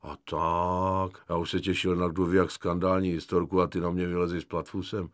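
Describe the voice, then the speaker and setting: Man voicing wisecracking army corporal medic, slangy, chummy, lowish voice, dry close audiobook sound. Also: little pitch movement, no echo, close to an everyday voice. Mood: mocking. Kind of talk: audiobook character voice.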